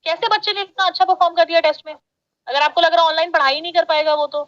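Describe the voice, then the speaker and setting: Pushy high-voiced woman on a call. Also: steady tone, racing, fairly bright tone, muffled recording. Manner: pushy, persuasive, talks over the caller. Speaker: education sales counselor. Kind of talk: sales call.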